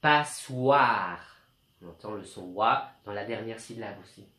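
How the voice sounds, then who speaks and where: A male teacher giving a slow, clear home lesson to young children, speaking patiently. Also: lowish voice, fairly even intonation, bright, forceful tone, roomy sound.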